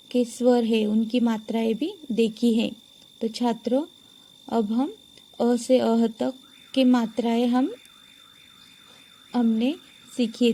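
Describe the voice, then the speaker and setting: A woman teacher giving a lesson to young pupils, slowly sounding out words one by one and repeating them for the class. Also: on the high side, dark tone, a little hiss or hum. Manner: slow, deliberate, repeats each word for pupils to follow.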